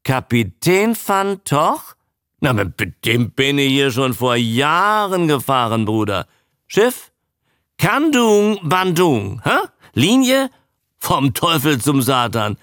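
A man's voice: mid-range voice, sing-song, slow, a bit bright, no room sound, clean studio sound, voice pushed up. A man reading a radio story, voicing a terse, grumbling Swedish sailor. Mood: musing. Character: gruff laconic Swedish sailor, grown man.

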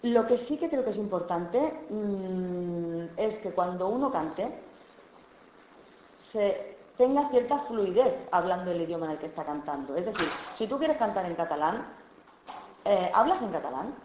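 A woman's voice: fairly low pitch, unhurried, lo-fi sound, a little hiss or hum. Spanish woman lecturing in an echoey hall. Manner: lively, explanatory, with asides and tag questions. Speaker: flamenco singer giving a talk on vocal technique. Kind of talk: conference lecture.

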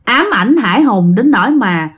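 A woman's voice: on the high side, lively intonation, normal speed, husky. A woman casually retelling a ghost story and speaking directly to her listeners. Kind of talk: spoken ghost story narration.

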